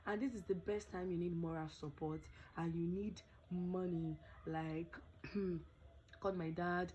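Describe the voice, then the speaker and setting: Chatty Nigerian woman, lowish voice. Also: steady tone, a little slow, darkish tone, slight background noise, low-quality recording. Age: young adult. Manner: chatty, mixes in pidgin phrases. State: voice not fully recovered. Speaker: vlogger. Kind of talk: casual storytelling vlog.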